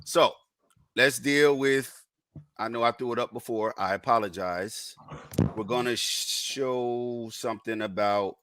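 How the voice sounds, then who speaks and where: A man's voice: medium pitch, measured pace, a bit bright, clear, resonant tone, no room sound. A man hosting and informally moderating a live stream, hesitant and often repeating his phrases.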